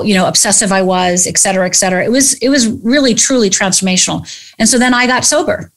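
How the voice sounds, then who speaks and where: A middle-aged woman telling a personal story as an interview guest, animated and acting out the voices of people she quotes. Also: medium pitch.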